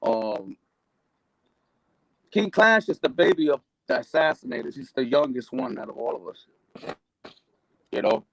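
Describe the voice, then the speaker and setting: Guest: New man, heavy vocal fry, dry close sound, rambling and profane. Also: on the high side, very animated, measured pace, long pauses, no room sound, rough recording. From New York. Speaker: interview guest. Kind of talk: candid life story.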